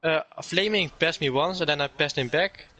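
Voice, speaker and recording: A man answers a stream host's questions in brief, plain phrases. His voice is bright and forward, and he never says more than he has to. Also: a little high, moderate pace. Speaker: guest driver. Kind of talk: casual interview answers.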